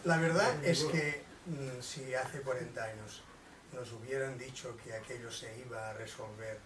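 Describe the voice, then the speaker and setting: A man moderating a neighborhood meeting, speaking in a measured and slightly hesitant way. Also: medium pitch. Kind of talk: public talk. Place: neighborhood association hall. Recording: roomy echo, distant mic, noise.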